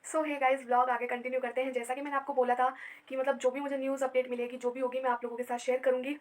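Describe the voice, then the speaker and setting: A woman's voice: sits high, little pitch movement, quick pace, darkish tone. A young woman vlogging to camera, tired and upset after a sleepless night, telling the story chattily with many fillers. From India. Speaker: family vlogger. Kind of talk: casual vlog storytelling to camera.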